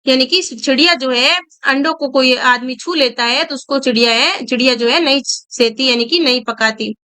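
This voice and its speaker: A woman's voice: high voice, moderate pace, sharp tone, clean tone. Woman explaining a story. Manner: reads a line then explains it in simple words. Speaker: Hindi teacher. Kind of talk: reading a story aloud and explaining it.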